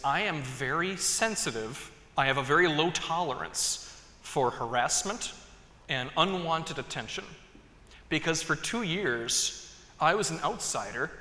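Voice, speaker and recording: A bright, slightly high-voiced man in his thirties preaches a homily in a large church. He tells stories in a relaxed, conversational way with touches of humor. His voice rings through the hall with a long reverb. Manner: conversational storytelling with light humor. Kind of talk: sermon.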